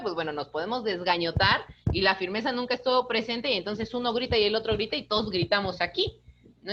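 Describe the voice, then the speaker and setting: A woman, an instructor giving a lively online lecture, talking with her hands. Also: medium pitch, lo-fi sound, a little hiss or hum. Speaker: course instructor.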